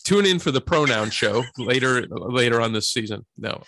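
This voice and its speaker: A man co-hosts a Bible study podcast, reading passages aloud with emphasis and breaking into easy laughter. His voice sits in a middle pitch. The sound is dry and close, with no room to it. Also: animated, moderate pace, bright, forceful tone, no room sound. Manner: playful, laughs easily, reads scripture aloud with emphasis. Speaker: podcast co-host. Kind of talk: casual Bible study chat with scripture reading.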